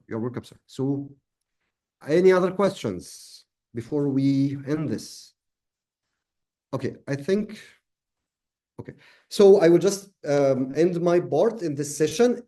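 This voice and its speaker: A man's voice: a little high, mellow. A man from Egypt hosting a live trading webinar, answering questions casually with many fillers.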